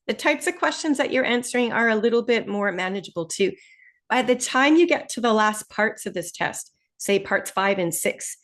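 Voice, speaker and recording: An Ontario-accented Canadian woman with a medium-pitched voice walks learners through test prep in an online webinar. Her tone is friendly and explanatory, and she slows down on the key points.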